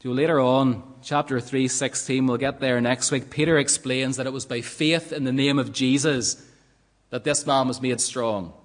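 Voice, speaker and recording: Earnest preacher in a reverberant church hall. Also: male voice, mid-range voice, steady tone, moderate pace. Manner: earnest, emphatic, rhetorical questions. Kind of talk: sermon. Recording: long reverb of a large hall.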